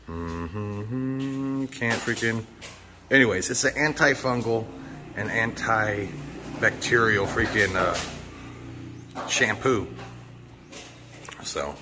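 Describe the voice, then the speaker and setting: Over a noisy background, a man from the United States rambles through a casual vlog chat, cursing frequently. His lowish voice carries a slightly sore throat.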